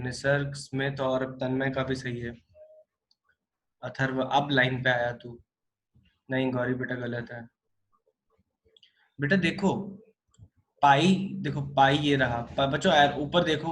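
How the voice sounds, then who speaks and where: A man teaching a math class online, coaxing and joking with his students as he works through problems. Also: mid-range voice. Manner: animated, coaxing students, calls them kids. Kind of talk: live online class lecture.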